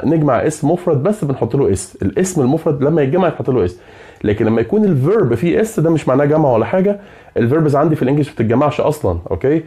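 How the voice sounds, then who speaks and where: A man's voice: fairly high pitch, mellow. A man with an Egyptian Arabic accent giving a grammar lesson as a teacher, checking in often with his listeners. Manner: checks in often with "okay?" and "right?". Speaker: English teacher.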